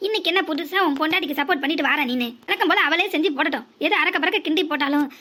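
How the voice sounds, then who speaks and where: A woman voicing an exasperated adult son who runs an office in a cartoon comedy, with a southern Tamil Nadu dialect and bossy, quick retorts. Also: high voice, pushed and bright. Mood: scolding.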